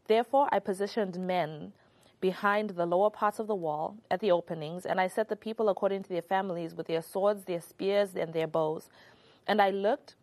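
A woman reading a scripture passage aloud at a steady, clear pace. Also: mid-range voice, no room sound. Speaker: scripture reader.

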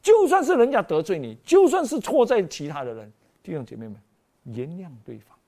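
Animated preacher with a lively pitch. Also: fairly quick. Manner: animated, exclamatory, full of rhetorical questions. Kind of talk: sermon.

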